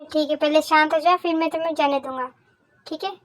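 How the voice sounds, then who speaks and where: A cocky young man who teases and bosses a girl around, put on by a young woman. The voice stays very high despite the male role, and is recorded up close and dry. Fan audio drama style. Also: steady tone, dry recording, natural voice. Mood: bossy. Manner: teasing, bossy, low and slow at times.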